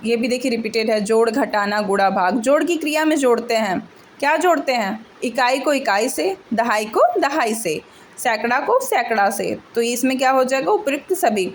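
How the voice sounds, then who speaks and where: A woman's voice: a little high, lively intonation, normal speed, a little hiss or hum. A woman teacher going through multiple-choice exam answers, asking each question aloud and answering it herself, with frequent checks of "okay". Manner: repeats answers and adds "ठीक है" checks.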